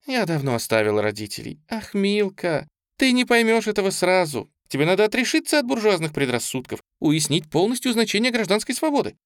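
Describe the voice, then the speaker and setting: A man's voice: fairly high pitch, very animated, moderate pace, a bit bright, dry recording, studio quality, pitched above the performer's own voice. A man reading a story, voicing a flighty, theatrical young woman who gushes and preaches. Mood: gushing. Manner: gushing, theatrical, declaiming.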